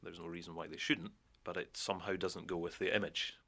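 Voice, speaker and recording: A man with a deep, level voice explains things in a thoughtful interview. His tone is bright and forward. He keeps his delivery flat and steady, filling pauses as he thinks. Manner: thoughtful, with many "you know" fillers. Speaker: expert interviewee.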